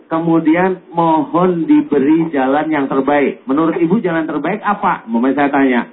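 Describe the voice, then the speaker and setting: A man, an Islamic preacher, giving gentle advice to a caller on a radio call-in, sometimes joking lightly. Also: a little high, moderate pace, slight background noise. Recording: tinny lo-fi radio broadcast.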